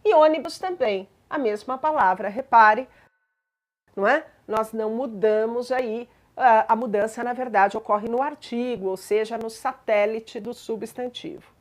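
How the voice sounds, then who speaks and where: A woman's voice: fairly high pitch, measured pace. A woman teaching grammar in a patient explanatory lesson, spelling out examples and checking in with listeners.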